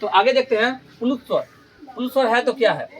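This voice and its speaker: A man's voice: very high voice, lively intonation, fairly quick, fairly bright tone. Man, teacher, self-questioning lesson style, repeats terms, faint background noise. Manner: asks questions and answers them himself, repeats key terms. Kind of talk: classroom-style grammar lesson.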